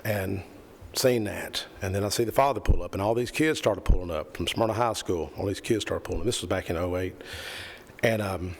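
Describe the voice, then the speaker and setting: A man's voice: low voice, fairly quick, vocal fry. A middle-aged man giving an earnest, rambling speech at a committee meeting, repeating phrases for emphasis. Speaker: committee member. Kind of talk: impassioned speech at a public meeting. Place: county committee meeting room.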